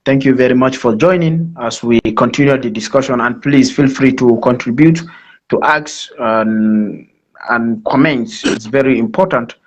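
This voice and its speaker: Speaking at medium pitch and normal speed, a man from Nigeria presents as a guest on a live online talk, formal in tone and repeating points emphatically in his Nigerian accent. The online call audio is dull and lo-fi.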